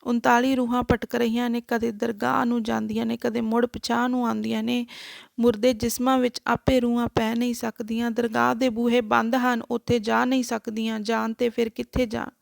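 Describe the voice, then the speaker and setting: A woman's voice: fairly high pitch, little pitch movement, moderate pace, creaky, no room sound, clean studio sound. A woman voicing a dying old soldier who earnestly begs for forgiveness. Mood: imploring. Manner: earnest, imploring. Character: dying old male soldier pleading for pardon.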